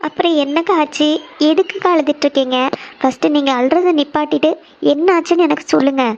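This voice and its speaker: A caring cartoon little sister, played by a woman, anxiously pressing with question after question. Her voice is pitched high, and the sound is muffled and dull, like a lo-fi recording. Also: quick pace, darkish tone, slight background noise. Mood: concerned. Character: caring younger sister, young office worker.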